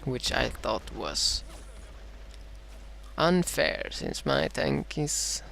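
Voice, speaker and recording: Commentating his own strategy game as a beginner, a Swedish-accented man speaks at a middle pitch with huge pitch swings and a creaky, fairly bright, slightly dry voice. He keeps stopping and restarting, filling pauses with "uh" as he rewords, over faint background hiss.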